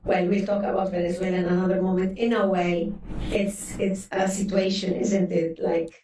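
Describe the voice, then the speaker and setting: A Lebanese woman in her sixties, a native Arabic speaker, appears as a guest psychotherapist in an interview, speaking earnestly and often restarting her sentences. Her lowish voice is flat and dark at a moderate pace, captured on a distant mic in a roomy space with slight background noise.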